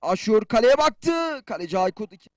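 A man delivers excited play-by-play football commentary. His voice sits extremely high and swings widely, breaking into screaming calls. The phrases are short and clipped, and the sound is dry with no room around it. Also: brisk, no room sound. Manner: screams on shots and goals; short clipped phrases, calling players by first name.

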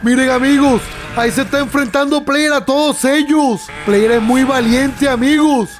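Jumpy, high-voiced gaming commentator. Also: male voice, fairly even intonation, normal speed, faint music behind. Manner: jumpy and fearful, keeps calling to viewers as friends. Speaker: gaming YouTuber. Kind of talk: excited gameplay commentary.

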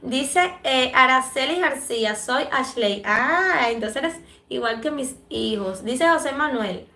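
A Cuban woman with a Cuban Spanish accent, hosting a livestream and reading viewer comments in a chatty, affectionate way, clearing her throat from allergies. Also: high voice, lively intonation, takes it slowly, pushed and bright, echoey room. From Cuba. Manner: chatty and affectionate, many fillers. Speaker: livestream host.

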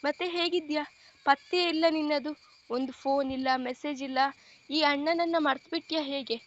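Lady reading as a soft caring big-brother type, high voice, kinda dull lo-fi audio. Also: fairly even intonation, moderate pace, a little hiss or hum. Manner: gentle, reassuring, affectionate. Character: caring young man, protective elder brother figure.

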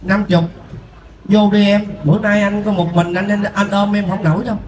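A man's voice: high voice, flat delivery, normal speed, darkish tone, reverberant, a little hiss or hum, lightly acted, low-quality recording. A man playing a tipsy, rowdy husband who jokes with the audience in a live comedy skit. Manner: slurring, rowdy, playful. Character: tipsy drunk husband joking with the crowd.

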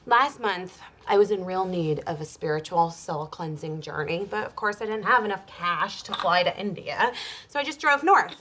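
An actress playing a brash, scatterbrained young party-girl in a sitcom, talking in a loud, bubbly, bragging way. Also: lowish voice, expressive, normal speed, slight background noise. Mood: boastful. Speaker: sitcom character. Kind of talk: sitcom acting.

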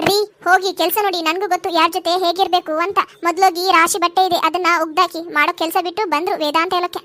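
A woman voicing a bossy, bright-toned cartoon mother-in-law. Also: extremely high pitch, fairly even intonation, very fast, no room sound. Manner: scolding, commanding, dramatic laments. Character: bossy forgetful middle-aged mother-in-law. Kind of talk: cartoon voice acting.

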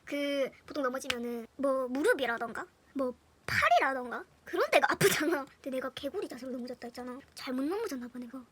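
A young woman with a Gyeongsang Korean accent telling funny school stories to her viewers in a casual, animated way, swinging between hushed whispers and loud bursts with lots of laughter. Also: high voice, fast, a little hiss or hum. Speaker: storyteller vlogger. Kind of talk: casual anecdote storytelling to viewers.

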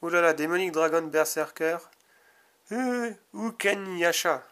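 A young man with a bright, fairly high voice talks through a trading card box opening at an unhurried pace. He reads each card name aloud, stopping now and then for short casual remarks. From France. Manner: slow, unhurried reading of card names with small asides. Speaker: card-opening video host. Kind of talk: casual unboxing commentary.

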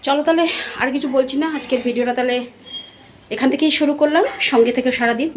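Woman vlogger, chatty, high voice, noisy outdoor phone recording. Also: fast talker. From India. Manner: chatty, addresses viewers as friends. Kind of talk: casual vlog narration. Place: outdoors on wet city streets and in a shop.

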